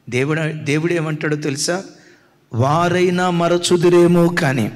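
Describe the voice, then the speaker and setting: A man's voice: high voice, creaky, a bit bright, in a large hall. A man pastor preaching a sermon, pressing his points with repeated rhetorical questions.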